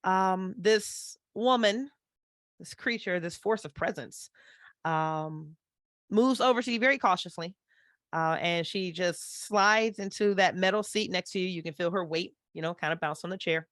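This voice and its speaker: A woman's voice: lowish voice, measured pace, a bit bright, dry recording, studio quality. A woman running a tabletop horror game, narrating scenes casually and with frequent fillers. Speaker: game master.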